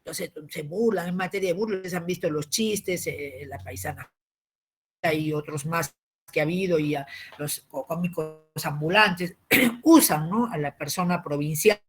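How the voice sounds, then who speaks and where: A man, giving a civics lesson as a teacher. He explains patiently, often tags his points with a question and clears his throat. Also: a little high, normal speed, fairly bright tone.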